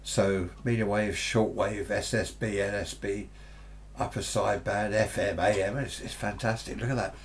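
A man in his sixties or older with an English accent presents as a radio hobbyist, chatting loosely about gadgets and pondering aloud, with nothing scripted. His voice is on the low side, steady in tone and normal in speed. The clip comes from a small, cluttered indoor radio workshop, with an audible hum and background noise.

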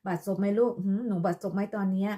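A woman's voice: medium pitch, steady tone, fast, dark tone. A woman ranting in a vlog monologue, scolding and mocking with crude insults in a sarcastic motherly tone. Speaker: online commentator.

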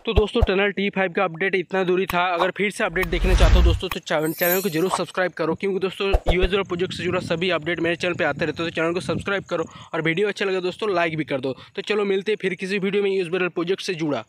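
A man's voice: sits high, steady tone, very fast, few pauses, noisy background. A man narrating a casual vlog about a construction site, explaining as he walks and calling his viewers friends again and again. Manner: repeats "friends" as a filler, explanatory. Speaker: construction update vlogger.

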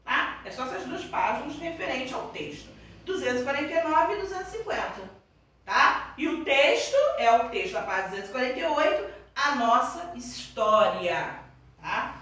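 A Brazilian woman teaching young children, dictating words slowly one at a time. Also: sits high, expressive, a bit bright, recorded from a distance, lo-fi sound. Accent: Brazilian Portuguese. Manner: slow, drawn-out word-by-word dictation. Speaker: primary school teacher. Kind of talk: online class for young children. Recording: echoey room, voice from off-mic.

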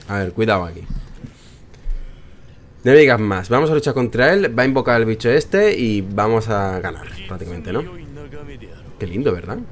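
Sarcastic Spanish man playing a game. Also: lowish voice. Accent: Spain Spanish. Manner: joking, sarcastic, swears freely. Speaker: let's play host. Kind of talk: casual gameplay commentary.

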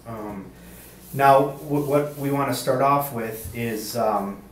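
A man on an old interrogation tape, a state police investigator who stumbles through questions with frequent uhs and ums. His voice is distant and roomy, caught by a fixed mic in an interview room. Faint hiss sits underneath. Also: medium pitch. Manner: halting, with many uhs and ums. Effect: interrogation-room tape recording. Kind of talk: formal interrogation. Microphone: fixed room camera mic.

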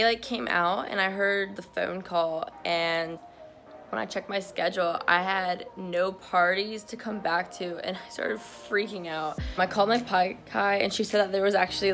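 A young college woman chatting casually to camera as a vlogger, bubbly like a sorority girl, peppering her talk with filler words like "like" and "super". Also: medium pitch. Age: young adult, college student. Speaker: student vlogger. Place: small dorm room.

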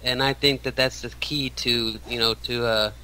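A man's voice: medium pitch, flat delivery, normal speed, pushed and bright, slight background noise, rough recording. A man in his thirties, a radio show guest, talking casually with many restarts and fillers. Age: 30s. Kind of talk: casual interview talk.

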